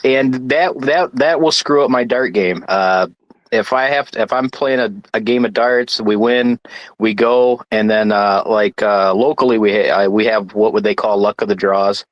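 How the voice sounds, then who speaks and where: A man from Michigan, a guest darts player, chatting casually and haltingly, with lots of restarts and fillers. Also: on the low side, no room sound, lo-fi sound. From Michigan, United States. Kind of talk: casual chat.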